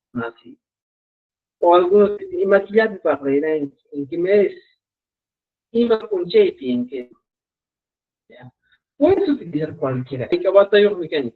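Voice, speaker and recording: Man teaching a live online lesson over tinny audio. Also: high-pitched. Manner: explains patiently with many check-ins like "¿ya?". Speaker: language teacher.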